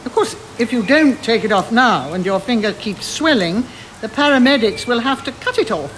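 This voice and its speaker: Bossy older lady boss, high bright voice, sharp tongue, noisy outdoors. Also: expressive, moderate pace. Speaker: airline owner. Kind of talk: radio sitcom acting.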